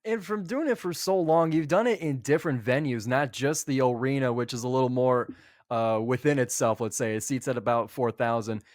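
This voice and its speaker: A man's voice: medium pitch, brisk, no echo, studio quality. A man hosting a casual interview, building long, wordy questions and rephrasing them as he goes. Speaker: interviewer, podcast host.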